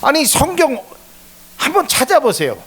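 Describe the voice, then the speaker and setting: Animated high-pitched preaching pastor, gravelly. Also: male voice, normal speed, slight background noise. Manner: preaching with dramatic voiced quotes, rising to emphatic peaks. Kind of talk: sermon.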